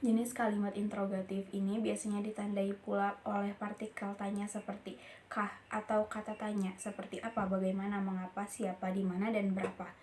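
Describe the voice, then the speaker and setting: A young woman reads her course material aloud like a student presentation, keeping a steady, middle pitch. She sometimes trips over a long word and starts it again. A faint noise sits behind her voice. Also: brisk. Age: young adult. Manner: reads steadily from notes, with small slips and restarts.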